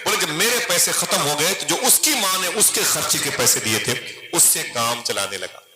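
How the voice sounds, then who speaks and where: A man's voice: fairly high pitch, lively intonation, normal speed, bright, forceful tone. A man from northern India with an Urdu-inflected Hindustani accent, telling a story in a sermon at a large gathering and acting out the dialogue with rising, emphatic lines. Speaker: religious speaker at a gathering. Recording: echoey public-address sound.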